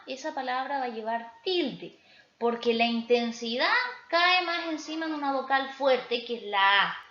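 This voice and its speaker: A woman teacher explaining spelling rules in a recorded lesson, often pausing to check in with her students. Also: high voice, a bit bright. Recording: echoey room, slightly dull sound.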